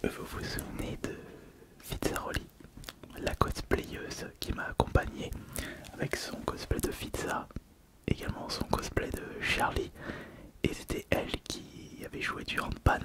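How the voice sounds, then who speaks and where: A man whispering an intimate ASMR monologue, very close, as if right in the listener's ear. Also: a little slow. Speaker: ASMR video host.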